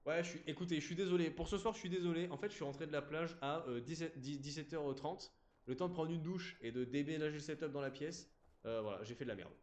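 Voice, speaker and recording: A man's voice: on the high side, quick pace, darkish tone, reverberant. A man live-streaming a game, chatting casually and apologizing to his viewers while leaning close to a desk mic in an empty room.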